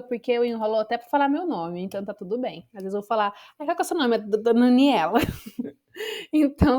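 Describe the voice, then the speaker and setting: A woman's voice: a little high, mellow. A woman with a Brazilian Portuguese accent, teaching an English class online on a video call and explaining patiently. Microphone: computer microphone on a video call.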